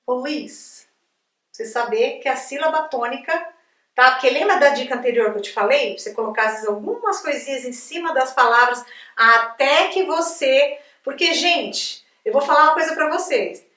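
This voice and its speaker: A high-voiced Brazilian woman teaches in a chatty, upbeat way, checking in with her viewers all the time. Her voice sits a little off the mic in an echoey room. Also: moderate pace, sharp tone, distant mic. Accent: Brazilian Portuguese. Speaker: English teacher. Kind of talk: casual video lesson.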